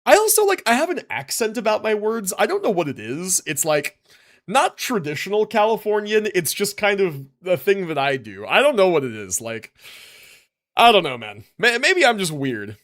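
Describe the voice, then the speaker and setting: Streaming live, a young man in early adulthood casually spins a meandering tale, peppering it with "like" and "right?" and at times mumbling his syllables. His somewhat bright voice sits high, swings widely in pitch, and moves at a moderate pace.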